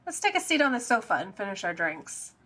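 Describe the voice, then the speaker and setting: In an audio drama, a woman plays a detective's sassy sidekick who is easily exasperated, teasing and incredulous in a brisk way. Her medium-pitched voice is sing-song with a sharp tone.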